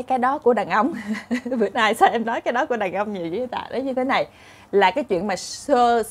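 A woman's voice: on the high side, breathy edge. A woman with a Southern Vietnamese accent telling funny short stories in a chatty way, laughing often and acting out characters. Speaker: storyteller host. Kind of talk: casual comic storytelling.

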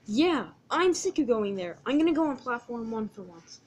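A woman's voice: on the high side, big pitch swings, moderate pace, darkish tone, slight background noise. A woman voicing a cheeky young male tank engine in a homemade story. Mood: scheming. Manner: scheming, then sheepish.

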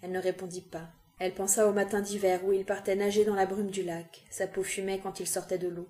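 A woman reading a novel aloud with calm, even narration. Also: mid-range voice, a little fast. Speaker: reader.

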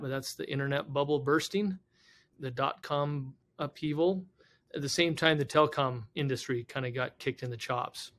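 A man in his fifties, a company CEO telling stories as a podcast guest. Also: mid-range voice. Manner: animated storyteller, acts out quoted people. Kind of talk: casual interview storytelling.

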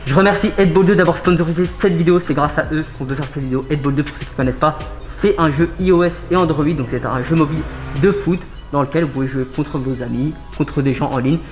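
Young male host, talking through a mask, quick delivery, roomy shop with music behind. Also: on the high side. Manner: speaks through a face mask. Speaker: video host. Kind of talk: energetic challenge vlog presenting and commentary. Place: inside a large video game shop. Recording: roomy shop echo, loud background music.

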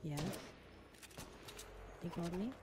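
A man's voice: slow pace, over loud music. Man through a girl voice changer. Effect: girl voice changer filter.

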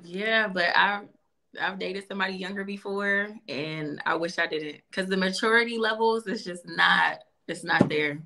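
This gravelly, fairly low-pitched voice belongs to a Californian woman in her thirties, speaking at a normal speed. She laughs and teases in a lively way on a live dating show held over video call, picked up by a phone or laptop mic in an indoor room.

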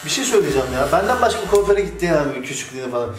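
A man's voice: on the high side, big pitch swings, very fast. Sniffly young man, echoey room. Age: young adult. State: sniffly with a cold. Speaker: barber and vlog host. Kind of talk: casual joking chat. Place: indoor barbershop. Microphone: camera a few steps away. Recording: echoey room, distant mic, music behind.

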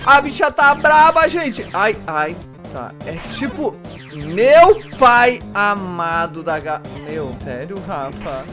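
A man doing let's play commentary, excitable, yelping and shrieking in panic as he plays. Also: high-pitched, takes it slowly, faint music behind. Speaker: gamer.

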